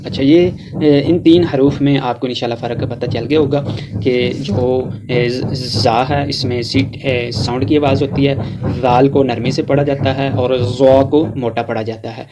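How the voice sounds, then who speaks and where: A man with a Pakistani Urdu accent teaching a tajweed lesson, explaining letter sounds and drawing out each letter slowly as he drills them. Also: mid-range voice, steady tone, crowd noise. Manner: slow, drawn-out recitation of letters between plain explanations. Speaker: Quran reading teacher.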